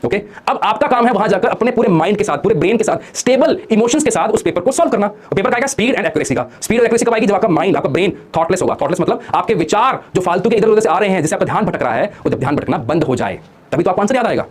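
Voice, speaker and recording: A man's voice: sits high, animated, fast talker, husky. A man giving a motivational study talk to exam students, firing rhetorical questions and answering them himself, coaxing listeners to join in. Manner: coaxes listeners to join in and comment.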